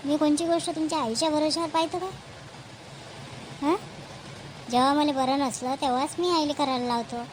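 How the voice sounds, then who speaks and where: A woman's voice: high-pitched, fairly even intonation, a little fast, pauses often, a little hiss or hum, close to an everyday voice, poor audio. A woman with a Varhadi Marathi accent playing a put-upon young wife and daughter-in-law who pleads and complains in a village comedy skit. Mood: indignant.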